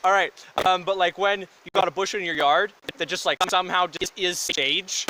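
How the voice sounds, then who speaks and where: A man's voice: sits high, fairly even intonation, normal speed, pushed and bright, rough recording. A man co-hosting a casual podcast chat with his brothers, upbeat and joking, rambling with enthusiasm and an uneven pace. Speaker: podcast co-host.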